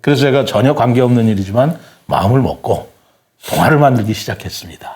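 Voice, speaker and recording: This guest writer speaks fast and animatedly, his medium-pitched voice a little mellow. In a reflective talk-show setting, he relates stories and explains matters earnestly, using formal, polite speech.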